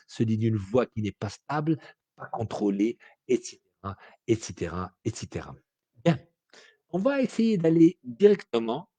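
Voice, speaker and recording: A man's voice: medium pitch, warm tone, no echo. A man from Morocco, giving a spoken lecture as a teacher in an explanatory way with frequent hesitations.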